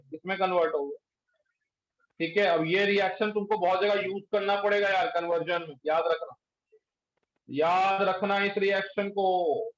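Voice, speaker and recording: A male chemistry teacher lecturing a class in speech, quizzing students and pushing them to answer quickly. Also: high voice. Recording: echoey room, dull lo-fi sound.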